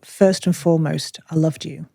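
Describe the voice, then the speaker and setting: A woman co-hosting a podcast, talking candidly in short, measured phrases. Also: low-pitched, steady tone, gravelly, warm tone, husky, no room sound. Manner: frank, reflective, speaks in short measured phrases. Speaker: podcast co-host. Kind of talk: candid personal conversation.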